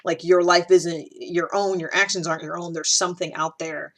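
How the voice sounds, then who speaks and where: A woman in her thirties from Ohio hosts a podcast, rambling through a casual personal monologue full of fillers, restarts and constant "like." Her voice is on the low side with fairly even intonation at normal speed.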